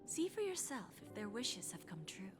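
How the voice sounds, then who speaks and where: A woman voicing a courteous, enigmatic pawnshop owner in a video game, speaking in a formal, teasing, deliberate way. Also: on the high side, very animated. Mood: knowing, composed. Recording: music behind. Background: game music.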